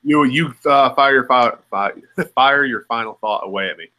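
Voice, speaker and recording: A young man co-hosting a podcast, speaking conversationally with hesitant pauses. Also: medium pitch, pushed and bright, poor audio. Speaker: podcast co-host. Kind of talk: casual chat.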